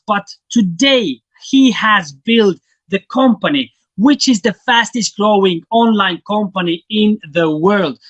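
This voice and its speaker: A man from Estonia, not an English speaker, giving an enthusiastic, halting business presentation to an online audience. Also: a bit bright, no room sound, highs cut off. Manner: halting, enthusiastic sales pitch with fillers.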